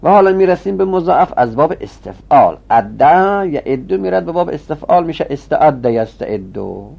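A man teaching a grammar lesson, chanting verb conjugations in a rising sing-song and dropping to a low mutter when he explains. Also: sing-song, vocal fry. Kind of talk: recorded Arabic grammar lesson. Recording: muffled low-fidelity recording.

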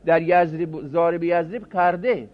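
A man's voice: on the high side, steady tone. Man lecturing, dull lo-fi recording. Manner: explains by repeating phrases and asking himself rhetorical questions. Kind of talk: classroom lecture on Arabic grammar.

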